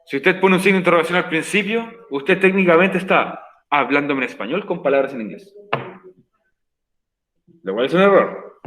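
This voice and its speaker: Emphatic male English teacher, higher voice. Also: lively intonation, moderate pace, a bit bright, poor audio. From Chile. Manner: patient, repeats points for emphasis. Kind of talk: recorded online class explanation.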